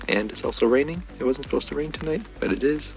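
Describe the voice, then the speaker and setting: A tired, subdued man with a gravelly voice, talking casually to camera as a vlogger. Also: mid-range voice, fast talker, soft background music, low-quality recording. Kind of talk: casual vlog talk to camera.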